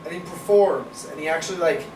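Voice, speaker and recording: A man's voice: on the high side, fairly quick, a little mellow. A man co-hosting a casual wrestling review podcast, giving strong opinions and swearing casually. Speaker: podcast co-host. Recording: roomy, distant mic, noisy background.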